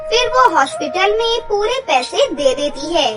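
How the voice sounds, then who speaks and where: A woman narrating a children's fairy tale in a slow, clear storybook manner, with music behind her. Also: very high-pitched, big pitch swings. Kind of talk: scripted narration. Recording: background music.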